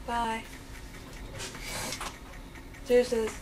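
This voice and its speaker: A woman's voice: on the high side, completely flat delivery, very slow, noisy background. A young woman rambling in a childlike, groggy way after having her wisdom teeth out, loopy and numb-mouthed, in casual chat. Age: young adult. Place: small dental clinic recovery area, indoors. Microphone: handheld camera at close range.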